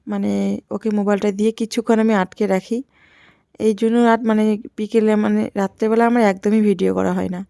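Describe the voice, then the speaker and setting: Young bengali-accented woman chatting quick about chores, dry close sound. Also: medium pitch, mellow, clean tone, no echo. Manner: chatty, talks to viewers while doing housework. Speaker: village vlogger. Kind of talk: casual vlog narration.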